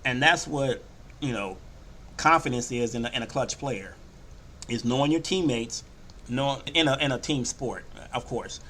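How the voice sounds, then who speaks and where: An older man hosting a sports podcast, talking casually and loosely, often slipping into animated quoted voices. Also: medium pitch, moderate pace, a little hiss or hum. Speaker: podcast host. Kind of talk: casual sports talk monologue.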